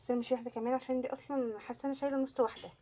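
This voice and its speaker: A young Egyptian woman rattles through a casual beauty product review at a very fast clip. Her voice is high and breathy, and she gushes, piling up repeated words for emphasis. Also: fairly even intonation, mellow, no room sound. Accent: Egyptian Arabic. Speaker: beauty vlogger.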